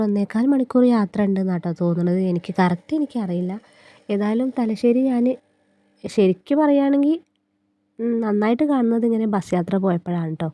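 Very dark-voiced woman with a stuffy cold. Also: medium pitch, no room sound. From north Kerala. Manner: chatty and homely, tags sentences with friendly asides. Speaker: travel vlogger. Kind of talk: casual travel vlog narration. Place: riding on a bus.

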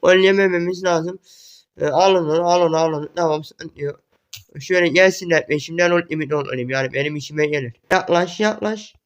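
A young man giving excited gameplay commentary, repeating words in quick bursts as the match unfolds. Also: on the high side, smooth. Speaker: gaming YouTuber.

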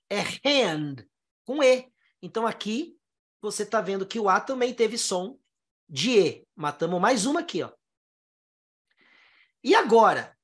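A woman's voice: medium pitch, fairly bright tone. A Brazilian-born teacher explaining English pronunciation to her students, drawing out syllables one by one and asking them rhetorical questions. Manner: explains step by step, sounding out syllables slowly; asks the listener rhetorical questions. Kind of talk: classroom lesson explaining pronunciation.

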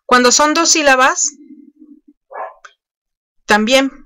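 Explaining each step of an online English lesson, a woman patiently guides her learners and pauses often with fillers. She sits high, with a pushed, bright voice. The sound is dry and close, without any room sound.

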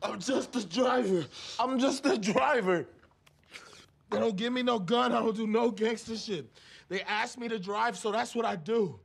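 A young man playing a cornered getaway driver in a film, husky, streetwise, profane and defensive. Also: extremely high pitch, a little slow, few pauses, a little hiss or hum, exaggerated voice. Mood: desperate pleading. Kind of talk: naturalistic film interrogation acting. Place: indoors, lamp-lit hotel suite.

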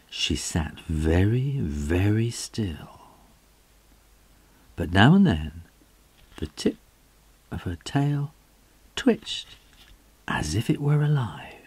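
Middle aged guy reading a kids story, gravelly husky voice, takes his time, dramatic. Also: on the low side, sing-song, no room sound. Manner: dramatic, drawn-out phrasing with hushed, breathy moments. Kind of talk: expressive children's storybook reading.

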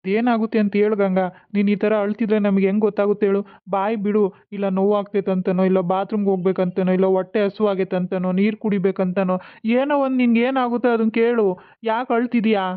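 Cartoon husband voiced by an actor, quick, flat and reassuring, tinny phone-like sound. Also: mid-range voice, clear, resonant tone, lightly acted. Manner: patient, persuasive reassurance. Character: young husband, calm and reassuring. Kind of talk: cartoon voice acting.

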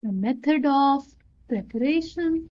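A woman's voice: high-pitched, animated, measured pace, darkish tone, no room sound, highs cut off. A woman with an Indian accent explaining a chemistry problem, switching between Hindi and English and often checking in with "right?". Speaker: chemistry tutor.

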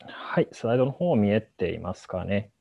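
Guy presenting online, low voice, muffled call audio, very polite. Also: very animated, normal speed, gravelly, no room sound. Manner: polite, hedging, filler-heavy. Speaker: startup co-founder presenting.

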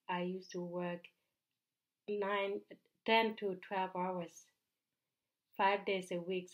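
Earnest Ugandan woman pitching to camera. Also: dull audio. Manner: earnest, persuasive, with small slips and restarts. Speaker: business mentor. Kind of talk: direct-to-camera sales pitch. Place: bright indoor room.

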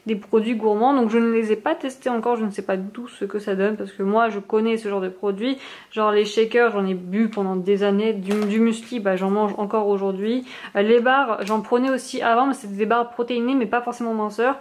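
A young woman chatting casually through a shopping haul vlog at home, with many fillers and small laughs. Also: a little high. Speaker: vlogger. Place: at home, moving to the kitchen.

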